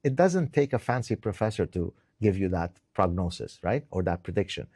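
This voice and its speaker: This middle-aged man from Lebanon is an author being interviewed indoors, with clean studio sound and no room tone. His husky, slightly mellow voice sits low and comes out animated and fairly quick, and his emphatic answers often open with repeated words and close with "right?"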